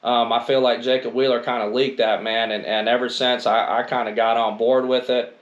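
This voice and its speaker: A man's voice: medium pitch, little pitch movement, normal speed, highs cut off. Casual American man in echoey room. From northern United States. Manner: colloquial, says "man" and "you know". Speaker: angler presenting gear. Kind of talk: casual chat. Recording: roomy echo, faint noise.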